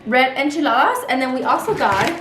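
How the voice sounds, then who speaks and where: Eating on camera for a mukbang, a young woman from El Paso, Texas, who runs a beauty vlog, chats loosely and drops Spanish words into her English. Her voice is high, sing-song, and a little fast. Her home room, set up as a small studio, sounds reverberant, and background noise is present.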